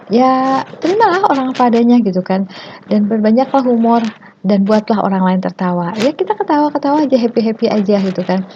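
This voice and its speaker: A woman giving a casual spoken lesson on self-confidence, chatty and full of tag phrases, sometimes acting out overdone greetings in a high squeal. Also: dark tone. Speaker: teacher giving self-development tips. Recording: muffled low-fidelity sound with faint hiss.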